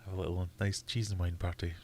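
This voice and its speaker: Deep, flat and a little mellow, a Scottish man's voice rattles along fast as he hosts a casual livestream. He chats, laughs often and reads viewer comments aloud, with a little hiss or hum audible.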